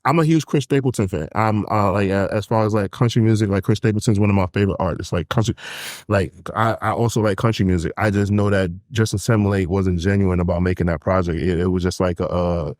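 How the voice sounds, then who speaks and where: A man's voice: low voice, fast talker, dry recording, studio quality. A man co-hosting a music podcast, telling stories and arguing his views in casual chat. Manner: animated storyteller, opinionated. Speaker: podcast co-host.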